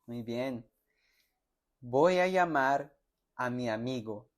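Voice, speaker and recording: A man teaching a pronunciation lesson, slowly sounding out example words and syllables for learners to repeat, with friendly check-in questions. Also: medium pitch, lively intonation. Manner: slow, deliberate, sounds out words and syllables for repetition; friendly, addresses students directly with check-in questions. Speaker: Spanish teacher.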